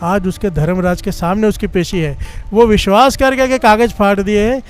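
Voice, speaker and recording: A male preacher voicing a revered elderly Sikh saint, speaking softly in a pleading prayer tone. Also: high voice, normal speed, clear, resonant tone, lightly acted. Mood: prayerful.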